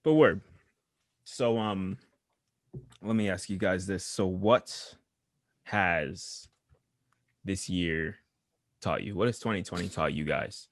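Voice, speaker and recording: A man hosting a casual podcast chat, asking the group questions in a gravelly voice. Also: slow, pauses often, no room sound, clean studio sound. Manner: gravelly, swings pitch widely, asks the questions.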